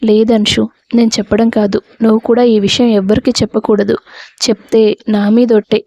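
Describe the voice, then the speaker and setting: A woman's voice: on the high side, little pitch movement, brisk, mellow, no room sound. A woman voicing a lovesick young woman who hides her feelings and pleads earnestly for her friend. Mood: sad.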